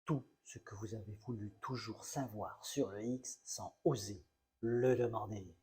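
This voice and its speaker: A man's voice: on the low side, a little slow, over music. A middle-aged male comedian telling a self-mocking story in a mock-serious, playfully exaggerated comic monologue.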